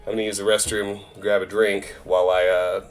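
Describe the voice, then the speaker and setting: A man's voice: fairly low pitch, little pitch movement, a little fast, faint music behind. A man in his thirties streaming a video game, chatting casually and joking with his viewers. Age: 30s. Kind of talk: casual live-stream chat.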